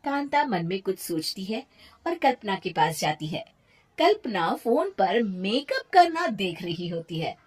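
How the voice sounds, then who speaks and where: A woman's voice: mid-range voice, sing-song, measured pace, husky. A woman narrating a scripted moral tale as a storyteller.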